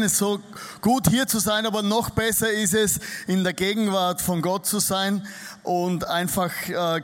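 A middle-aged man from Styria with an Austrian German accent, preaching a sermon to a congregation in a chatty, joking way. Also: high-pitched. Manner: chatty, joking, self-deprecating. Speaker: pastor. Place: church hall before a congregation.

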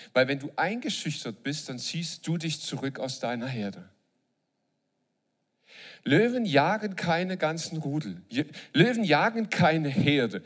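A man preaching a sermon to a live congregation, joking and asking the audience questions. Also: a little high. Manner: lively, jokes and asks the audience questions.

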